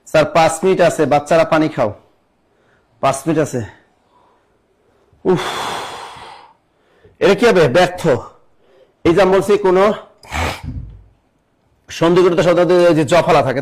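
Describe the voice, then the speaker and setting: In a live online exam-prep class, a young adult man spells words slowly, poses quiz questions to viewers and reads out their comments. His pitch is fairly high and his tone darkish.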